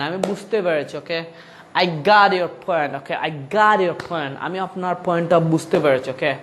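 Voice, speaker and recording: A man with a Bengali accent teaching spoken English to beginners, switching between languages, calling the listener brother and repeating each phrase slowly. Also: high voice, a little hiss or hum.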